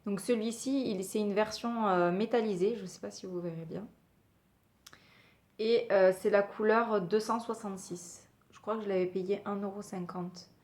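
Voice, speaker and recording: A woman's voice: medium pitch, fairly even intonation, normal speed, darkish tone. A woman talking casually as a beauty vlogger, chatty and hesitant with many fillers. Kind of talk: casual product review.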